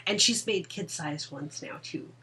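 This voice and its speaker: A woman co-hosting a casual podcast chat, laughing often and dropping into soft asides. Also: deep voice, measured pace, distant mic, a little hiss or hum. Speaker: podcast co-host. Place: indoor room at home.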